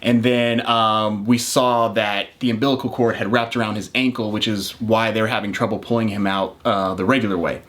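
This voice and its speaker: A young man, a new father and vlogger, telling a story with animation and jumping into a higher voice to quote people. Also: normal speed, hardly any pauses. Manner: excitable, acts out quotes in raised voice.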